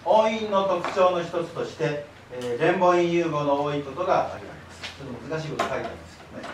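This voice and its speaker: Guy giving a public talk, kinda higher voice, super echoey room, faint hiss. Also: expressive, fast, far from the mic. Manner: patient explanatory, leads audience call-and-response. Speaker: lecturer, library director. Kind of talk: public lecture. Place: echoey lecture hall.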